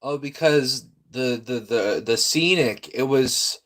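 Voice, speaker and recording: A man's voice: medium pitch, slow, fairly bright tone. A man hosting a casual reaction video, talking in a rambling, incredulous way and often laughing.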